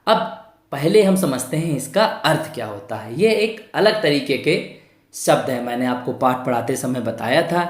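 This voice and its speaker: A woman's voice: a bass voice, expressive, normal speed, reverberant. A woman teaching a Hindi lesson to young children, spelling words out syllable by syllable and asking the class questions. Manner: repeats words for pupils to say along.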